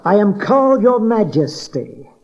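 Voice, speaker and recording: A man's voice: high voice, sing-song, unhurried, full character voice. An actor playing an old, scornful, scheming tyrant king in a dramatized audio Bible, with an imperious, sneering manner. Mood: haughty irritation. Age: older. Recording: dull cassette tape transfer.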